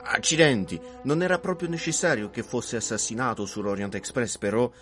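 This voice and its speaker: An actor playing an excitable, talkative railway director in a radio play, exclaiming often in a husky voice. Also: male voice, medium pitch, a little fast, faint music behind, lightly acted. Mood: excited. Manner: animated, exclamatory.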